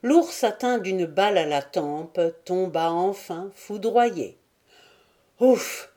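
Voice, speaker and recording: Woman narrator for an adventure audiobook, low, slow, deliberate. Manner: steady, deliberate reading. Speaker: audiobook reader. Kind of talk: scripted narration.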